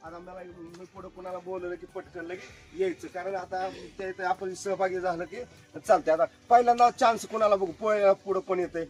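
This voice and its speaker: A man performing a lively magic show for a crowd, joking with and coaxing the audience. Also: high-pitched, normal speed, soft background music. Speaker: stage magician.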